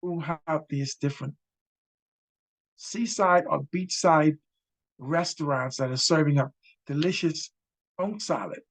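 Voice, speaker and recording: A man's voice: a little high, measured pace, pauses often, rough recording. An older Bahamian man hosting a casual travel talk to camera, enthusiastic and repeating himself as he goes. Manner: chatty and enthusiastic, repeats words. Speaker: host. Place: indoors with a virtual city backdrop. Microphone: webcam framing, head and shoulders.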